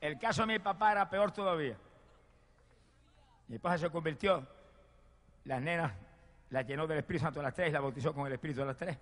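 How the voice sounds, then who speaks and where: A man preaching a sermon and telling his own testimony, fervent, swinging from loud exclamations to hushed storytelling. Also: fairly high pitch, fairly quick, pauses often. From Puerto Rico. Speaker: evangelist preacher. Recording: long hall reverb.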